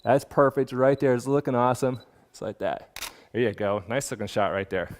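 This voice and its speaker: Male photographer, brisk easygoing instructor coaching a model through poses in the studio. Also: mid-range voice. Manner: casual, directs the model, many fillers. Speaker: portrait photographer teaching. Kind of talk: hands-on studio demonstration.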